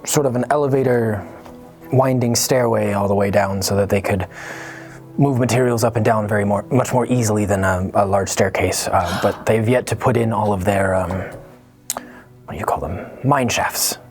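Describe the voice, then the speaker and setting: A man plays a very old scholar in a fantasy tabletop game. He speaks earnestly and haltingly in a strained, aged voice, with music clearly playing behind him. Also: fairly low pitch, a little mellow, close to an everyday voice. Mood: hesitant, earnest. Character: very old male scholar of ancient dwarves, earnest.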